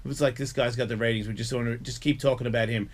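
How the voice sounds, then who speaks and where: A man's voice: medium pitch, steady tone, very fast. A middle-aged man chatting casually as a talk show host, blunt, emphatic and sweary. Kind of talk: casual chat.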